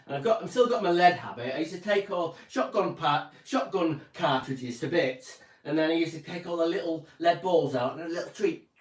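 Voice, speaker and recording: A man doing a rambling, deadpan stand-up routine full of swearing. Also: a little high, brisk. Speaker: stand-up comedian. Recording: echoey, from a distance.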